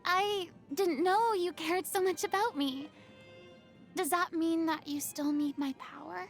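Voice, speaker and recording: Speaking a little slowly over faint music, a high-pitched young woman voices a theatrical game character, a former stage idol who is proud and secretly wistful. She sounds pleased with herself, her refined, haughty lines swinging dramatically.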